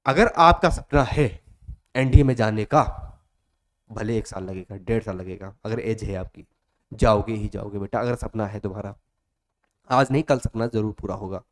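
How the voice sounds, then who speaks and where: A man's voice: fairly low pitch, normal speed. A male coaching teacher speaking. He gives a motivational class talk, repeats his points over and over, calls the students "beta" and sometimes acts out student voices.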